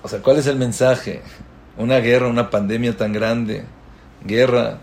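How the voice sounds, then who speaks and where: A man giving a religious lecture as a rabbi. He tells stories and swings from loud exclamations to hushed asides. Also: medium pitch, steady tone, a little slow, creaky. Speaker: rabbi giving a Torah talk.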